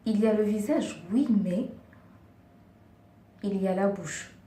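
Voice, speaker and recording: In a casual vlog, a woman with a dark, medium-pitched voice talks slowly, giving beauty advice in an earnest, coaxing way and frequently addressing viewers as girls. She's a beauty and lifestyle vlogger working in her second language, now and then groping for words. Expect echo from a roomy space, a far-off mic and light hiss.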